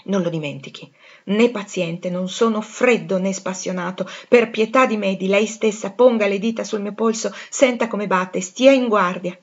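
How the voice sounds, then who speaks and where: A woman reads an audiobook, voicing a proud, passionate gentleman like Rochester in an intense, pleading way, though her mid-pitched voice keeps its own sound. She reads at normal speed with light acting. The recording is dull and lo-fi.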